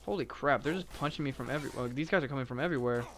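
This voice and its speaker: A man live-streaming a game, chatting casually in a self-described monotone with lots of filler words. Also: mid-range voice, very fast, a little hiss or hum. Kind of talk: casual live-stream chat while playing.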